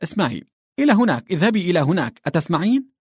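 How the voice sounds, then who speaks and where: A man voicing a hefty, crude male landowner who grumbles and shouts in exasperation. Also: lowish voice, brisk, breathy edge, no echo, clean studio sound. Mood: shouting.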